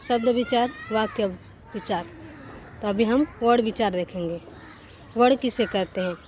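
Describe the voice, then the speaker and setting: Brief: female teacher, slow and deliberate, higher voice, spells out sounds, faint noise and crows behind. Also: a little mellow. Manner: repeats and corrects herself mid-sentence. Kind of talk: Hindi grammar lesson.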